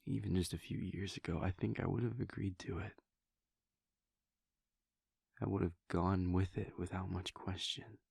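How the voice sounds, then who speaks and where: In an intimate audio roleplay, a man plays a weary, brooding vampire prince, murmuring a soft, confiding monologue in a low, husky whisper. His tone is steady and his speed normal, with long pauses, and the recording is clean studio sound with no echo. He stays fully in character, and the mood is melancholy.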